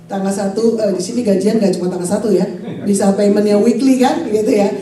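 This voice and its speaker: A woman in her forties, a pastor preaching a lively sermon and calling out to her congregation. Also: medium pitch, fairly quick, a crowd in the background. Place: church hall. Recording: echoey hall, voice from far off.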